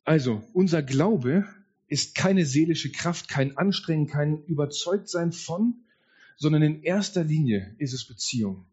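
Preacher, male, slightly high and husky, earnest sermon to the congregation, muffled lo-fi recording. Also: lively intonation, a little slow, darkish tone. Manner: earnest, speaks straight to the congregation. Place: church service. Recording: dull lo-fi sound.

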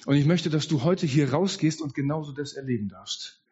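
Preacher, male, slightly high and husky, earnest sermon to the congregation, muffled lo-fi recording. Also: brisk, warm tone. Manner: earnest, speaks straight to the congregation. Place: church service. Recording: dull lo-fi sound.

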